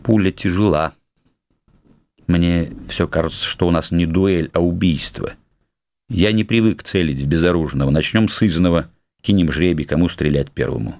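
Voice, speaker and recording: A man voicing a cold, vengeful male duelist in an audiobook, slow and menacing. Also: deep voice, darkish tone, no echo. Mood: grim.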